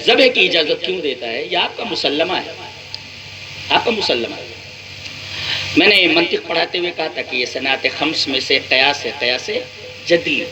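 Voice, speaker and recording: A man, an Islamic scholar, giving a religious lecture, explaining point by point with rhetorical questions and slowly reciting verses. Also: on the high side, animated. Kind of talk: religious lecture comparing scriptures. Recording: noisy lecture recording.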